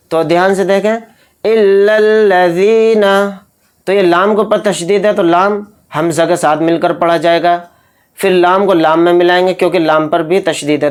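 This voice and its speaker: A man's voice: sits high, clear, resonant tone. A man teaching Quran recitation, patiently explaining each letter and drawing out the sounds as he demonstrates. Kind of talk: slow, methodical recitation lesson.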